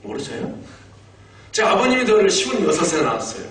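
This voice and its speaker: Lively middle-aged male pastor preaching. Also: high-pitched, a little fast. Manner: animated and humorous, leads the congregation in repeating lines. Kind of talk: sermon. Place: church sanctuary. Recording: echoey church hall miked from a distance.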